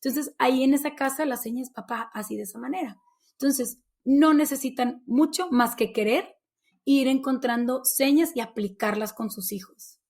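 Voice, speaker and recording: A woman's voice: sits high, moderate pace, darkish tone. A Mexican woman, a baby sign language instructor, chatting as an interview guest and acting out little exchanges with her kids. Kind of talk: casual interview chat.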